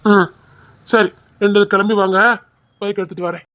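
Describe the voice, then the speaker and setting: A man's voice: high voice, little pitch movement, fairly quick, shouting, heavy background noise, close to an everyday voice. A man with a Tirunelveli Tamil accent, playing a caring young village man who teases affectionately. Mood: coaxing. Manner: affectionate, teasing, easygoing. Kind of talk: web series drama acting.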